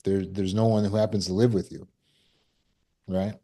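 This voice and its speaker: A man gives a self-help talk as a trauma recovery coach, his voice pitched a little low. The tone is mellow and relaxed. He keeps it conversational and acts out little scenes and quotes as he talks. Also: moderate pace.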